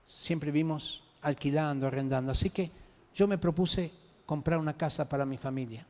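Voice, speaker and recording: A man preaching a sermon, telling a personal story in an animated, emphatic way. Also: fairly high pitch, normal speed. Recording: long reverb of a large hall.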